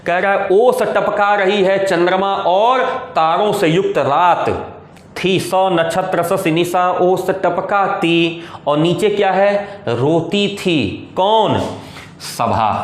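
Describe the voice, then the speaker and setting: High-voiced guy teaching a poem, slow and drawn out, echoey room. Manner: recites verses slowly, then explains with quick asides and questions to the class. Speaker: Hindi teacher. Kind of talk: poetry lesson explaining verses.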